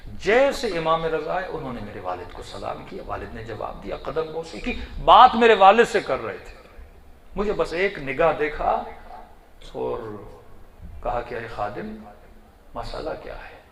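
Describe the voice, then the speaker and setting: Dramatic preacher in an echoey hall. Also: male voice, a little high, very animated, vocal fry. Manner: dramatic storytelling with sudden loud surges. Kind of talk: emotional majlis sermon storytelling.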